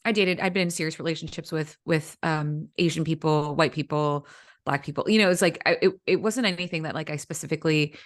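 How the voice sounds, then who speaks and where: With a low-pitched voice and a slightly fast delivery, a Vietnamese-native woman in her thirties chats as a guest in a relaxed interview. She's an executive coach and fills her talk with plenty of "um" and "you know."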